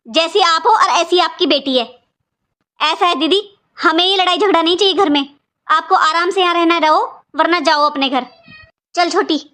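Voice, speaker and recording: A woman voicing a harsh, stingy aunt in a cartoon, scolding in a sharp-tongued way. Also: extremely high pitch, moderate pace. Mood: dismissive. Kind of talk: cartoon voice acting.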